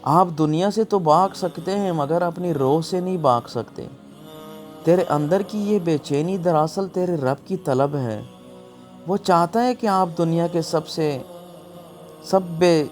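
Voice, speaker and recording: A man's voice: a little high, a little mellow. A man delivering a scripted, emotional sermon in an earnest, pleading way. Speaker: preacher. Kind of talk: scripted religious sermon narration. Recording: music behind the voice.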